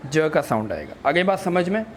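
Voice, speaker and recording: High-voiced man teaching letter sounds. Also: very animated, moderate pace, slight background noise. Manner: spells words letter by letter, asks and answers his own questions; addresses listeners as children. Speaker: English teacher. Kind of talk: classroom phonics lesson.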